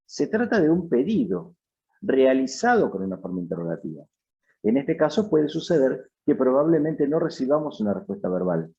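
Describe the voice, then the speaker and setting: A man teaching a lesson in measured, explanatory scripted narration. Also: medium pitch, warm tone. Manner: measured, explanatory, reads out example sentences. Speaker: English teacher. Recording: dull, lo-fi sound.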